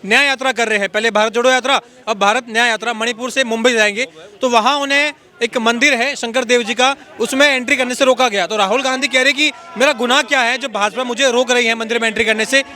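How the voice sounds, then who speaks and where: High-voiced quick male street reporter. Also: steady tone, pushed and bright. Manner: pressing, repeats questions. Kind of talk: street interview questions.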